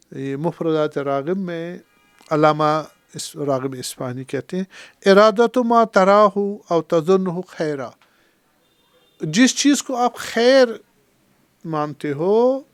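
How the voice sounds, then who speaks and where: A man with a Kashmiri accent giving a religious lecture as a scholar, who teaches by putting questions to his listeners and recites Arabic quotations slowly. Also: high voice, a little mellow, dry recording. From Pakistan. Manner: explains by asking the audience questions. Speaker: Islamic scholar.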